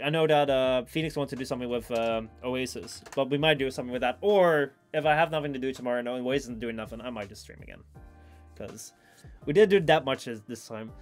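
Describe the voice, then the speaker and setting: A man live streaming in a casual, rambling, informal chat with his viewers. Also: mid-range voice.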